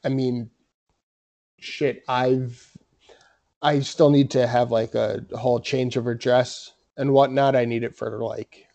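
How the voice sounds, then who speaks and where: A man's voice: mid-range voice, little pitch movement, slow, creaky, mellow, no echo. Joking, teasing podcast co-host man. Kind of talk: casual chat.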